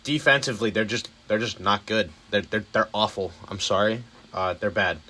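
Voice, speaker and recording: Low, bright-toned blunt man. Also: moderate pace. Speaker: sports podcast co-host. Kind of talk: casual sports chat.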